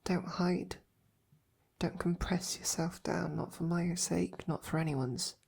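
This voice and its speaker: Low-ish and steady in tone, with an exaggerated delivery, a woman voices a devoted female knight in intimate ASMR roleplay. She's tender and teasing, speaking softly, haltingly and affectionately in a breathy voice that often drops to a whisper, creating a tender, reassuring mood.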